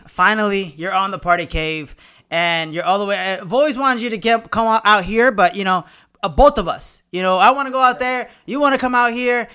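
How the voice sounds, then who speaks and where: A man's voice: high-pitched, sharp tone, clean tone. A man hosting a party podcast in a hyped, slangy way, boisterous, repeating phrases and swearing freely. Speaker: podcast host and hype man.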